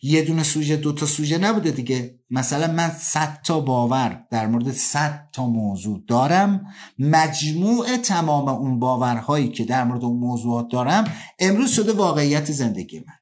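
A man giving an earnest self-help talk, slowing down to stress points and acting out everyday scenes in quick bursts. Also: medium pitch, animated, darkish tone. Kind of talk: motivational talk.

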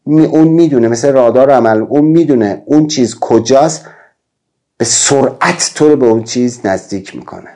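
A man teaching a self-help class, talking in an animated way with big swings in pitch, repeating and listing words for emphasis, with small stumbles and restarts. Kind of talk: lecture to an online class.

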